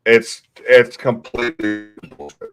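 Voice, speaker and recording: A man, hosting a casual gaming chat, blunt and quick to laugh. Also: medium pitch, muffled recording, soft background music. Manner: relaxed, blunt, laughs easily. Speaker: podcast host.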